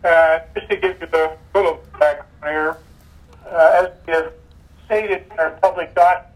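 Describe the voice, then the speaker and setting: A man, a company executive, answers in a remote interview in a brisk, businesslike way while his audio keeps cutting out. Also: fairly high pitch, fairly even intonation, recorded from a distance, poor audio. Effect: choppy connection, audio cutting out. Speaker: company executive handling financing.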